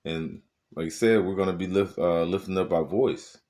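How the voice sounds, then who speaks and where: Deep-voiced man preaching with emphasis. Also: normal speed, dark tone. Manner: preachy, emphatic, punctuated with "all right"; stumbling, with many "uh" fillers. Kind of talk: scripture-reading sermon.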